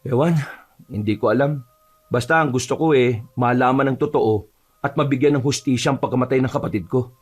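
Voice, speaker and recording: A man's voice: mid-range voice, a little fast, pauses often, breathy edge. A man narrating an audio horror story and voicing its earnest lead character.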